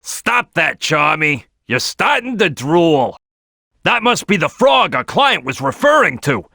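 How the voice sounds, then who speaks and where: A brash crocodile detective from a cartoonish video game. The voice is high for a male and swings wildly up and down. It is bossy, cocky and streetwise, with a forceful bark. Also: sing-song, measured pace, vocal fry, no echo, clean studio sound, exaggerated voice. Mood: watchful, bossy. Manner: boisterous, cocky, streetwise, barking. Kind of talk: animated video game character acting.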